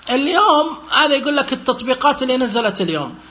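A man presenting a casual tutorial walkthrough, thinking aloud in a halting, explanatory way. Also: very high-pitched, big pitch swings, noisy background. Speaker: presenter demonstrating a phone app with a screen reader.

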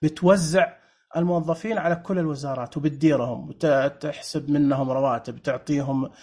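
A lecturer delivers a lively slide presentation. The voice sits at a middle pitch with a husky, breathy texture, and the delivery is emphatic and animated, with repeated rhetorical questions to the audience. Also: fairly quick.

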